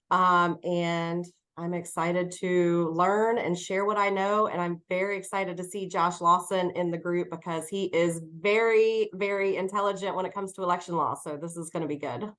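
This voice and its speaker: Give me a county elections director introducing herself with real enthusiasm on a video call, in a slightly low, upbeat voice. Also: female voice, steady tone, normal speed, a bit bright. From North Carolina.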